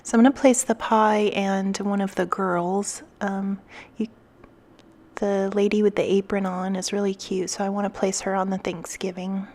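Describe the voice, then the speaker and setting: A woman's voice: medium pitch, darkish tone. A woman giving a casual craft tutorial as a vlogger, chatting through each step as she works. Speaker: craft vlogger and design team member.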